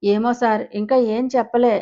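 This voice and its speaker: A woman's voice: a little high, little pitch movement, moderate pace, warm tone, dull audio, lightly acted. A woman voicing a loyal young male friend who delivers bad news in an urgent, matter-of-fact way.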